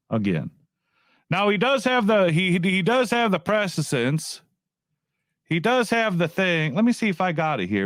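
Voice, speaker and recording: A man rants to his online audience with a swinging, animated pitch that sits a little high for a man. He swears freely and circles back over the same phrases. The sound is close and dry, with no room around it. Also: no echo. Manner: profane, repetitive, restarts phrases. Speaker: YouTube commentator. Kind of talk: casual rant to camera.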